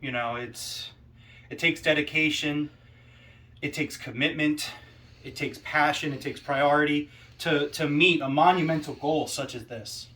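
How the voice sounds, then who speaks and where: A man delivering a self-important, accusatory wrestling promo monologue, with deliberate pauses and rhetorical questions. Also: fairly high pitch, steady tone, pushed and bright.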